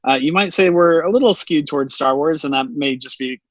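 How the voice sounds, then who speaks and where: A man's voice: a little high, fairly quick, dry recording, lo-fi sound. A man co-hosting a podcast in casual chat, rambling with many restarts. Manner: rambling, full of fillers and restarts. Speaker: podcast co-host.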